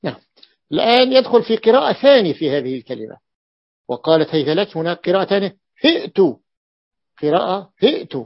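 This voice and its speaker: Gravelly man explaining grammar. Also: high voice, animated, quick pace, no room sound. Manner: explains step by step, repeats key phrases. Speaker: sheikh teaching Arabic grammar. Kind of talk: classroom grammar lesson. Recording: dull, dry lo-fi recording.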